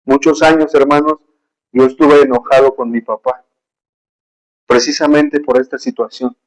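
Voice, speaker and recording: A man's voice: mid-range voice, flat delivery, moderate pace, rough recording. A man preaching a sermon with emotion and emphasis, telling personal stories, reading scripture aloud and calling his listeners brothers.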